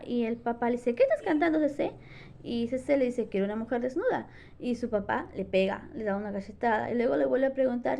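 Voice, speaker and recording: A woman's voice: on the high side, gravelly, mellow. A young woman, a student retelling a novel's plot in a book summary with frequent restarts. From Peru. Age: young adult. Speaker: education student.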